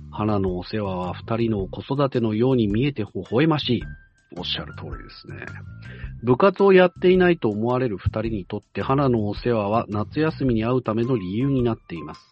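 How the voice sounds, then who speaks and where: Man reading a letter, muffled. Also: lowish voice. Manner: measured reading with frequent hesitant fillers. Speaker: radio-style show host. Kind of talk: reading a listener's letter aloud with side comments. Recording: muffled lo-fi recording, faint music.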